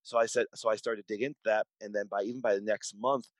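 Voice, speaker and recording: A man's voice: fairly low pitch, steady tone, quick pace, dry recording, poor audio. A man in his forties speaking as a doctor in an interview, emphatic and repetitive, often restarting his sentences. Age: 40s. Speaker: podcast guest, doctor. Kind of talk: conversational interview storytelling.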